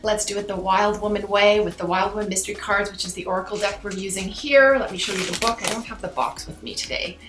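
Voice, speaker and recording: A woman's voice: mid-range voice, fairly even intonation, fast, hardly any pauses, a bit bright, reverberant. A woman doing a card reading to camera like a fortune teller, chatting directly to viewers in a mystical new-age way. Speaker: tarot and oracle card reader hosting her own channel.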